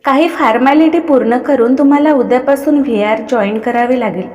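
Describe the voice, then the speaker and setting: A woman's voice: sits high, a little fast, darkish tone, highs cut off, lightly acted. A woman voicing a polite young woman studio assistant speaking formally. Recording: long reverb.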